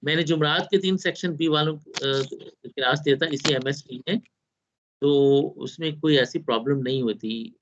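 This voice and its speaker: A man's voice: a little high, very fast, noisy background. A man teaching an online university class over a video call, explaining step by step and mixing in English technical terms. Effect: heard over a video call. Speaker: university lecturer. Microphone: laptop on video call. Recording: dull video call audio.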